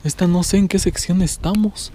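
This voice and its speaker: A man's voice: sits high, fairly even intonation, moderate pace, warm tone. A man in his twenties with a Mexican accent hosting a casual night exploration vlog outdoors in short, slangy phrases. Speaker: vlog host. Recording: noisy outdoor phone video.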